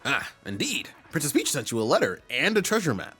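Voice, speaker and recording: A man's voice: mid-range voice, very animated, brisk, bright, forceful tone, slightly rough, faint music behind, pitched above the performer's own voice, exaggerated voice. A man voicing a fussy old male mushroom butler, throaty, pompous and genteel. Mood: fretful.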